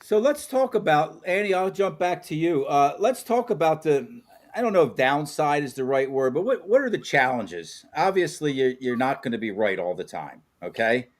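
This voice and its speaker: A man in his fifties hosts a relaxed interview, rambling through anecdotes and laughing as he goes. His voice sits a little high for a man. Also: normal speed. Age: 50s. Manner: chatty storyteller, laughs often. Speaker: host. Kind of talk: casual interview chat.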